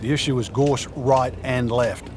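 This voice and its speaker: A man's voice: mid-range voice, steady tone, a little slow, natural voice. A man acting as a golf commentator and analyst, explaining holes and shots in a conversational way. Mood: explanatory. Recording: noisy outdoor crowd ambience behind. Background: crowd, outdoor noise.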